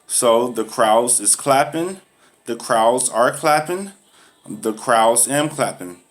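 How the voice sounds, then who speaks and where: A woman's voice: very deep voice, lively intonation, slow, full character voice. A woman playing a firm, patient schoolteacher. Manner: patient, corrective, lecturing on humility. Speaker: teacher. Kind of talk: comedy skit acting.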